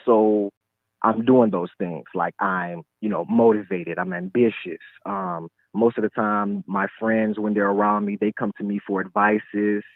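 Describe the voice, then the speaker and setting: A man in his twenties from Michigan speaks as a caller to a live show, his voice heard over a phone line. His voice sits fairly low, and he talks in a hesitant, halting way full of fillers. The line sounds thin, tinny and dry. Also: expressive, creaky, no echo. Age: 20s. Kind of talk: casual call-in chat.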